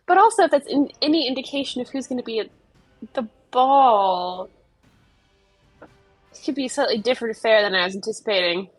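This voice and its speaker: A woman's voice: fairly high pitch, fairly quick, pauses often, dry recording, faint music behind, poor audio. A woman playing a tabletop role-playing game, talking casually as she describes what her character does.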